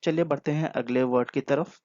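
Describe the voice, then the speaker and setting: A man's voice: mid-range voice, fairly even intonation, moderate pace, darkish tone, dry recording. Guy going through vocab words one by one, patient, repeats stuff, dry muffled earphone mic sound. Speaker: English vocabulary teacher. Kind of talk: word-by-word vocabulary lesson. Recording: dull lo-fi earphone recording.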